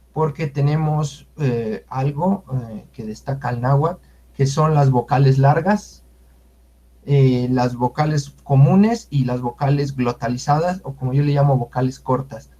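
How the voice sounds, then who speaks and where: A man giving an informal language lesson, explaining unhurriedly with many fillers and sounding out words slowly. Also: fairly high pitch, dark tone. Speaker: Nahuatl language teacher. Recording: muffled lo-fi audio.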